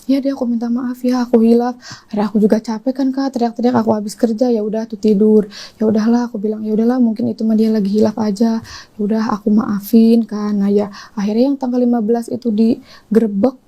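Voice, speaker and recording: A young woman talks fast, in a fairly high but mellow voice. As an interview guest she gives an emotional personal confession, quoting each side of past conversations with a lively lift in pitch. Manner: quotes dialogue animatedly, rising pitch when reenacting.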